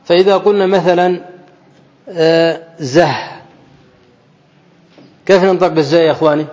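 A man teaching a classical grammar text to a class, often asking his students questions and slowly repeating key phrases. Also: a little high, darkish tone. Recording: dull audio with long hall reverb.

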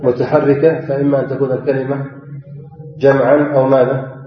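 A man's voice: mid-range voice, little pitch movement, fairly quick. A man teaching a grammar lesson, quizzing his students, repeating key phrases and chanting quoted verses and examples. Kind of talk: classroom lesson, reading a text and explaining. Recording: dull, echoey hall with long reverb.

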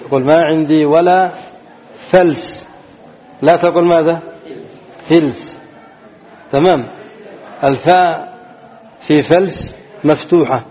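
In a dull, lo-fi recording, a man with a somewhat high, darkish voice gives a classroom Arabic grammar lesson at a moderate pace, pausing often. He keeps posing questions to his students, answers them himself and repeats the key words in a call-and-response style.

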